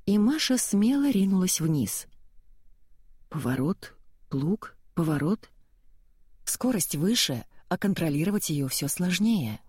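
Low, husky woman reading a story. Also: darkish tone, no room sound, clean studio sound.

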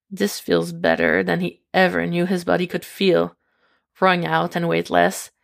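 A woman reading a fan story aloud in calm, intimate scripted narration. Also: on the low side, creaky. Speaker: podfic reader.

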